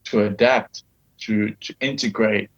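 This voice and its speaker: A man in his thirties with a faint South African accent speaks in a fairly low, steady voice, a little slowly, and the highs are cut off. He's a podcast guest telling his story candidly in a casual interview, swearing freely and repeating "you know what I mean."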